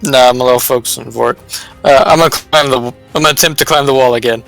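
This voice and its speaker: A man playing a tabletop game, declaring his actions with a dry, unhurried delivery. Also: medium pitch, steady tone, gravelly, fairly bright tone, faint music behind. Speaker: player. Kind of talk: casual game chat.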